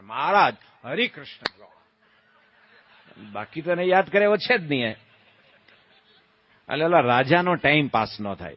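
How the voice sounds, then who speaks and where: A man giving a humorous sermon as a monk, telling a folksy story and acting out shouted calls and quoted voices. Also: fairly high pitch, no echo, muffled recording. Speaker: monk giving a religious discourse.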